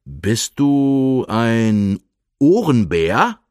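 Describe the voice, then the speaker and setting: A man doing a slow grumbly bear cub. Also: mid-range voice, very animated, darkish tone, clean tone, no echo, studio quality. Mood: grumpy. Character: chubby young bear cub, easily offended.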